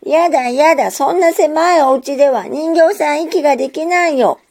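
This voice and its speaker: A woman voicing an excited little girl who plays with her doll, in a sing-song childlike manner for a storybook reading. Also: a little high, a little slow. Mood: wailing.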